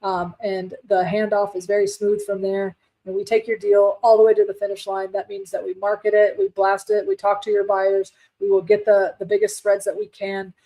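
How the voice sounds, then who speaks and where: Woman host, casual live-stream talk, chatty with fillers, firm and direct, mid pitch. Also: level tone, moderate pace, hardly any pauses, mellow, rough recording. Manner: chatty, many fillers and restarts. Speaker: livestream host, real estate wholesaler.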